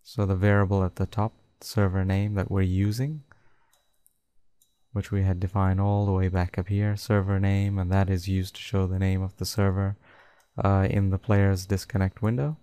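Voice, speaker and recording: A man narrating a screen-recorded coding tutorial, dictating code slowly and step by step. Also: sits low, little pitch movement, warm tone, clean tone, no room sound. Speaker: tutorial host.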